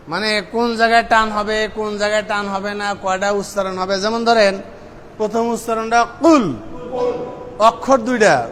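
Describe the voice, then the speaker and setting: A male Quran teacher drilling pronunciation with a class, drawing out syllables slowly, then explaining quickly, and chanting the verses. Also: high-pitched, fairly bright tone, a little hiss or hum. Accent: Bangladeshi Bengali.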